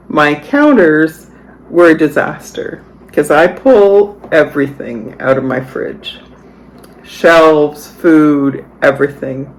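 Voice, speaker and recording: A middle-aged woman chatting through a home vlog voice-over. She speaks at an unhurried, drawn-out pace, with a chatty, storytelling manner and a dry sarcastic streak. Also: low voice, rough recording. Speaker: vlogger.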